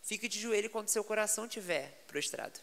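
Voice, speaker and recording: A pastor with a Brazilian Portuguese accent tells stories in a lively, animated way and laughs easily. His voice is bright and clear. It is heard with a long reverb tail, as if in a large room. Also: high-pitched, a little fast. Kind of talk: casual podcast chat.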